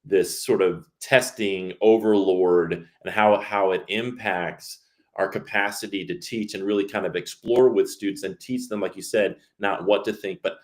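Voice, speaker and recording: Man, 50s, interview host, very low voice, slow, deliberate questions. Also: steady tone. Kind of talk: conversational interview.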